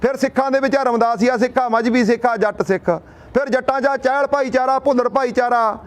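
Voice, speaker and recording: High-pitched man from Punjab rallying a crowd. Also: steady tone, brisk. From Punjab, India. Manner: rhetorical questions and folksy storytelling. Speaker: speaker at a protest sit-in. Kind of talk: impassioned public speech. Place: outdoor protest gathering.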